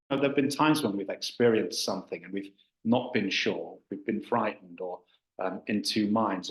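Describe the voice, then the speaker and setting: A man, a Buddhist teacher, giving a dharma talk in a hesitant manner with frequent fillers and restarts. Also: lowish voice. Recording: echoey hall.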